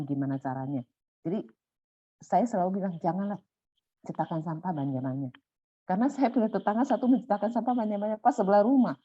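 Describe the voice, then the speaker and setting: A middle-aged woman telling a personal story in a casual, animated way, going high when excited and soft when calm. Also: no room sound. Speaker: volunteer sharing a personal story. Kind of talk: casual storytelling in a sharing session. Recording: muffled dry sound.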